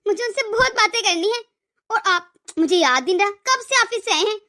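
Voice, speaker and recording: A woman's voice: extremely high pitch, lively intonation, fairly quick, pushed and bright, exaggerated voice. A woman voicing a stammering, emotional young wife. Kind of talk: cartoon voice acting.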